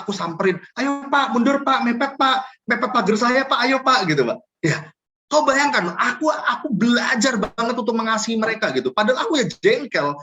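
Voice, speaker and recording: A man's voice: high voice, muffled recording. A middle-aged man, giving a casual teaching talk with personal stories at a prayer fellowship, chatty and often adding little tag phrases.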